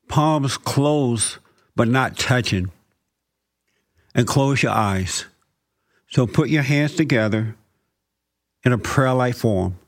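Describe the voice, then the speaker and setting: Slow, calm man guiding a meditation. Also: mid-range voice. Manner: slow, calm instructions with repeated phrases and scripture. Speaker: meditation guide.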